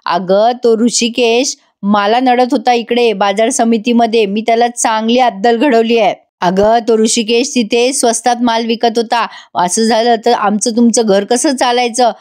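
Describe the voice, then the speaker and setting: A boastful, scheming middle-aged strongman, read by a woman retelling a soap, dismissive and self-satisfied in a fairly high voice. He brags about his power. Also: fairly even intonation, moderate pace, few pauses, a little mellow, close to an everyday voice.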